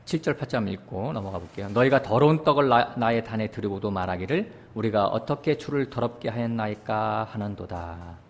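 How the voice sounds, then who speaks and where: A man preaching a sermon with strong swings in pitch and loudness. He often drops to a low, soft aside and checks with his listeners. He bursts upward when he voices quoted scripture. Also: a little fast, hardly any pauses. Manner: animated preaching, voicing God's words with sudden rises in pitch and loudness; often checks with the congregation using short asides. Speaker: pastor.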